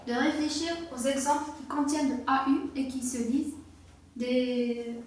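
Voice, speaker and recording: A woman's voice: high-pitched, fairly even intonation, moderate pace, slight background noise. A young woman teacher with a North African French accent, explaining a reading lesson to young children, patiently repeating words and spelling out letters. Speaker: primary school teacher. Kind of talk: slow, clear classroom explanation for young children. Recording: echoey room, voice from a distance.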